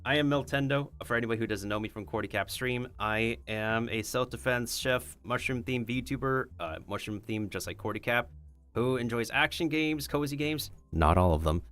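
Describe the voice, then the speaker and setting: A man's voice: mid-range voice, moderate pace, a bit bright, clean tone, soft background music. A man hosting a livestream, chatting casually in a rambling way peppered with filler words. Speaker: streamer and host.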